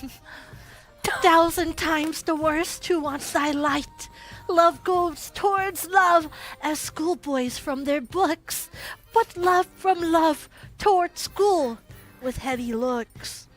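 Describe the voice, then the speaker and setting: A woman acts out a dreamy young male lover in a Shakespeare stage reading. The delivery is slow and yearning, in a high, bright voice over faint music. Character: lovestruck young man, Romeo, dreamy and yearning. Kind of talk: theatrical Shakespeare dramatic reading.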